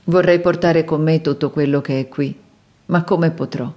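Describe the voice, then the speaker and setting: A woman voicing a male prophet's inner speech in an audiobook, solemn and measured. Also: low voice, fairly even intonation, warm tone, natural voice. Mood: solemn, wistful. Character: male prophet, solemn and wistful, departing a city.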